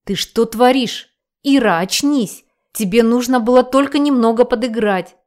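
A woman reading an audiobook, voicing a bossy, hysterical female friend who yells and teases. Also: normal speed, natural voice. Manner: shrill, yelling. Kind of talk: audiobook character voice.

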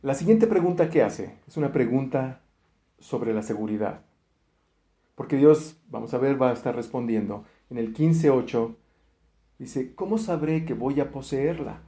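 A man's voice: medium pitch, measured pace, dark tone. A man preaching a sermon, earnest, acting out quoted prayers and often restarting his words. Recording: echoey room.

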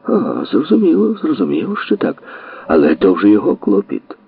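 Audiobook space traveller, male, emphatic and fed up, as a man acts him; husky, tinny. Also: lowish voice, wildly swooping pitch, moderate pace, exaggerated voice. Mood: wry. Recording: dry tinny narrow-band audio.

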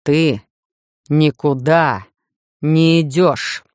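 A woman voicing a bossy, jealous young man in a romance audiobook, gruff and grumbling. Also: a bass voice, steady tone, a little fast, darkish tone, no room sound, clean studio sound. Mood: furious.

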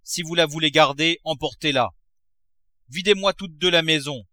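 A raging old miser of a father, as a male reader puts him on, barking and sneering in a raised, strained voice. He bursts into loud outbursts in a dry, close audiobook recording. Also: on the high side, normal speed, no echo, pitched above the performer's own voice. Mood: furious. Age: older. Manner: shouting, explosive, mocking.

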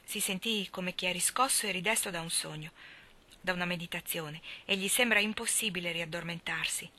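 A woman reading a classic novel aloud in measured narration. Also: lowish voice, sharp tone. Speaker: reader.

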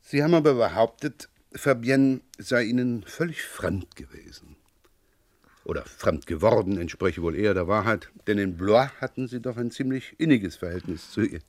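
A male actor with a lowish, darkish voice voices a courteous, persistent, dryly sceptical police inspector for a German crime radio play. Unhurried and prone to hesitant repetitions, he sounds politely probing in a lightly acted performance with no echo.

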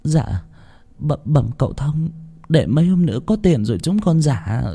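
A man voicing a frightened young peasant wife in high falsetto, shrill and pleading. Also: sing-song, slow, a little mellow, exaggerated voice. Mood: timid.

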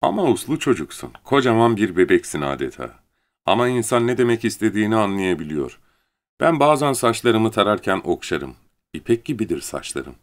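A man's voice: lowish voice, sing-song, brisk. A man voicing a lonely, vain young farm wife who speaks in a coaxing tone with a lightly raised voice.

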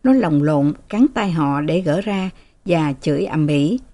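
A woman narrating a novel in an even, measured storytelling manner. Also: low voice. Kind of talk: reading a novel aloud.

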